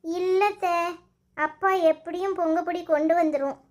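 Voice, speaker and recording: A woman voicing a meek, timid young daughter-in-law in a cartoon, speaking softly and hesitantly in Tirunelveli Tamil. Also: very high-pitched, fairly even intonation, normal speed. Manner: soft, hesitant, polite.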